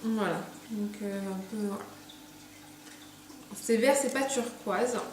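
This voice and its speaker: A woman's voice: medium pitch, takes it slowly, darkish tone. A young woman chatting casually about her purchases, full of fillers and restarts, recorded at home. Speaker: beauty vlogger. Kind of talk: casual haul video chat. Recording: echoey room, faint background noise.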